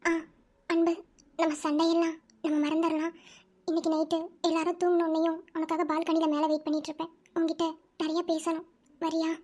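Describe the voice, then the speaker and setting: Acted by a woman, an earnest young cartoon woman speaks in a very high, monotone voice. She is pleading and heartfelt, in speech. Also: fairly quick, long pauses.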